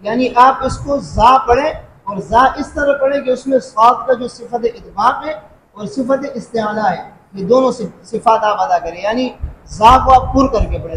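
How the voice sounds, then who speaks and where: A man teaching Quran recitation rules, explaining patiently, repeating points and asking if students follow. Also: very high voice. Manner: repeats points and checks understanding. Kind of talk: classroom explanation. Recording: echoey room with faint noise.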